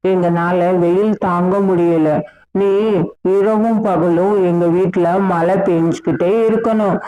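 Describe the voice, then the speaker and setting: A woman's voice: lowish voice, fairly even intonation, unhurried, phone-quality sound, natural voice. A woman voicing a scheming, bossy female crow in a cartoon, speaking in a commanding, crafty way.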